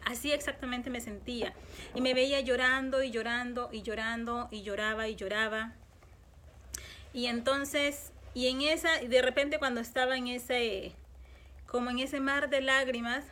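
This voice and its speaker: A woman telling a personal dream in casual spoken testimony, halting and repeating words as she goes, earnest and emotional. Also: fairly high pitch, a bit bright, slight background noise. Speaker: dream-sharing video host.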